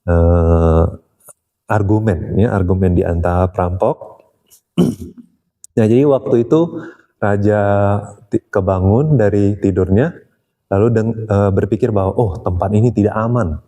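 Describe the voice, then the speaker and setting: A man's voice: lowish voice, a little slow, pauses often, mellow. A man retelling a religious tale in a casual, chatty way, often tagging his sentences and chuckling.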